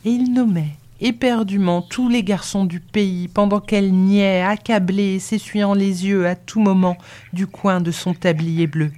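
A narrator giving an expressive dramatic reading of a literary story. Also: medium pitch.

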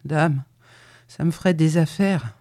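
A reader voicing a stubborn peasant man who haggles over a dead cow, gruff and protesting. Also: medium pitch, measured pace, warm tone, dry recording, studio quality, close to an everyday voice. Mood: haggling.

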